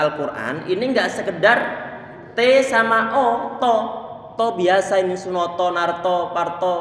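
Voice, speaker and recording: A man with a high voice teaches Quran recitation, patiently drilling each sound and checking that his listeners understand. His voice rings through a roomy space with a long reverb tail. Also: a bit bright. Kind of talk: tajwid pronunciation lesson. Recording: echoey room with long reverb.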